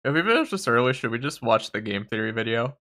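Low-voiced easygoing woman streamer. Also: animated, fast, a bit bright. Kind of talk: casual gameplay banter.

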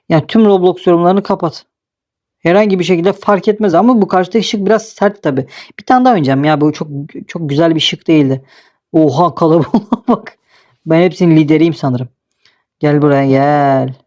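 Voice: mid-range voice, a little mellow. Chatty young gaming commentator, lo-fi. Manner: chatty, teasing, laughs often. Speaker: gaming video host. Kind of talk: casual gameplay commentary.

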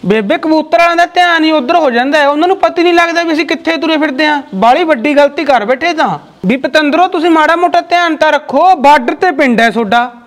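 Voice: sits high, fast talker, close to an everyday voice. Someone playing a blunt village relative. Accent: Malwai Punjabi. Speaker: actor in a village short drama. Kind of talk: amateur village drama acting.

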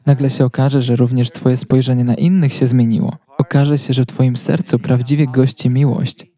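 Man, sermon voice-over, steady storytelling, mellow, slightly breathy. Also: mid-range voice, normal speed, no room sound. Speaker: Polish voice-over translator of a sermon.

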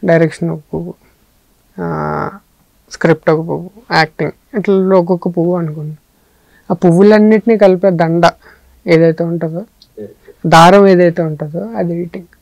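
A man's voice: a little high, steady tone, normal speed, gravelly, long pauses, a little mellow, no room sound, lo-fi sound. A man, a film editor, answering interview questions thoughtfully with a Telugu accent, and he often explains through metaphors. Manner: thoughtful, explains with metaphors, mixes in English phrases.

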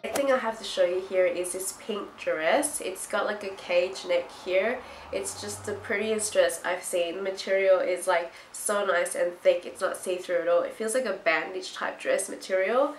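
A woman's voice: mid-range voice, normal speed, soft background music. A young woman with a blocked-up nasal voice from a cold, chatting casually to camera as a fashion vlogger. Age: young adult. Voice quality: nasal, congested. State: sick with blocked nose and itchy throat. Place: small hard-walled room indoors. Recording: roomy echo, faint background noise.

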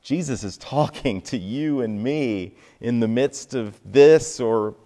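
A man preaching a sermon in a conversational, expressive storytelling manner. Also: medium pitch, slow pace, big-room sound. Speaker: pastor. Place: church sanctuary.

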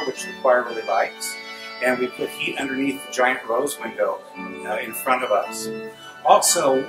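Middle-aged man in an echoey cathedral. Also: medium pitch. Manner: measured, explanatory, appreciative. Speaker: cathedral organist and music director. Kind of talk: guided presentation to donors. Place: large cathedral organ gallery, indoors. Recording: echoey cathedral with organ music behind.

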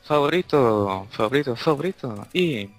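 A man's voice: mid-range voice, expressive, measured pace. An Argentine man from Buenos Aires province making short, blunt remarks while playing a video game. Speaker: guest player. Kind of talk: casual gameplay chat. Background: game music.

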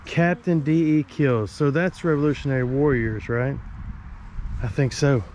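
Man, joking vlogger narrating outdoors on a camera mic, faint outdoor hiss, mid-pitched. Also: measured pace, darkish tone. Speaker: explorer vlogger. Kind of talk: casual walking commentary. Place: outdoors in a rural churchyard cemetery. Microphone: camera mic while walking.

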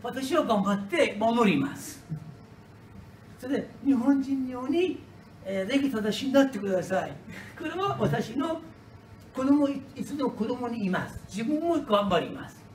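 A middle-aged man gives a prepared speech, slow and halting, restarting words as he goes. He sounds like he is speaking in a hall or classroom, some way off the mic. The room is echoey, with faint noise behind him. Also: extremely high pitch, lively intonation, far from the mic. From Iran. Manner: halting, non-native Japanese with restarts. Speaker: foreign resident giving a speech.

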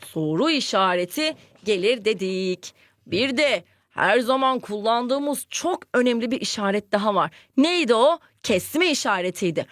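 A woman teaching a lesson to young children, lively and questioning, acting out example sentences with exclamations. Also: medium pitch, no echo, clean studio sound. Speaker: primary school teacher.

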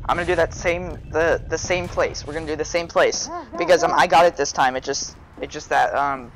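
A man's voice: a little high, steady tone, a little fast, music in the background. A young man chatting casually while playing a video game. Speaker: game player. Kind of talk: casual gaming chat. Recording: noisy game sounds behind voice.

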